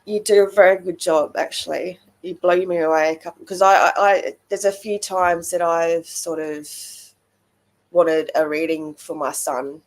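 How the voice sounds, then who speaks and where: An Australian woman with a somewhat low voice talks earnestly in a live reading. She often stumbles and restarts mid-sentence. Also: fairly even intonation, moderate pace, low-quality recording. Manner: earnest and heartfelt, with frequent restarts. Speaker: sitter in a tarot reading. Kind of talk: emotional live-stream chat.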